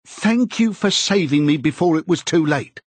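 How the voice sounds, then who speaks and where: A man's voice: fairly high pitch, lively intonation, moderate pace, dry recording, voice pushed up. A man voicing a pudgy, naive, servile prisoner in an audiobook, eager and stammering. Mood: sanctimonious, confiding. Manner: pleading, blubbering, stammering, sententious, old-chap British idiom.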